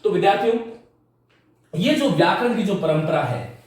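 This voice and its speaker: A man's voice: sits high, very animated, moderate pace. A man teaching a Sanskrit grammar class to exam students, explaining patiently, repeating sounds and words, and speaking straight to his students. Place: classroom with a board. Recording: echoey room, voice from a distance.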